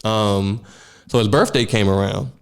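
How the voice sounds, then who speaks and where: A man's voice: on the low side, a little slow, creaky, smooth. A young man, a radio DJ, casually telling a story on a podcast with a lot of swearing. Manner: animated, profane, acts out voices in his stories. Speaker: radio DJ and guest.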